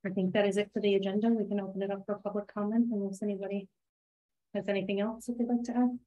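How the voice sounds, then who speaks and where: A woman's voice: mid-range voice, flat delivery, fast talker, dark tone, lo-fi sound. A woman at a committee meeting who asks questions and thinks aloud while leading the agenda. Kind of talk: meeting discussion.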